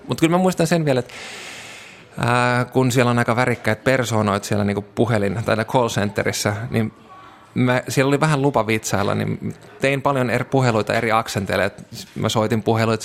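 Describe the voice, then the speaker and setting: A man's voice: medium pitch, creaky. A Finnish man, an interview guest, telling travel stories casually with many fillers. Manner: relaxed storytelling with frequent fillers.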